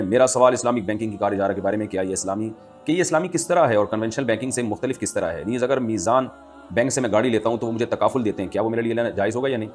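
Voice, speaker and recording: A man, an Islamic scholar answering listeners' questions in a lecturing manner and reciting Arabic lines slowly. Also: fairly low pitch. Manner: lecturing, quotes Arabic verse slowly and clearly. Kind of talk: religious Q&A talk.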